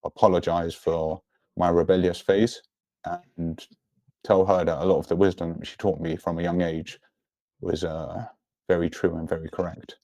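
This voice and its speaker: A young man appears as a podcast guest, speaking earnestly and introspectively about his own life in a personal, reflective interview. His voice is low and slightly mellow, with little pitch movement and a normal pace, on a dry recording.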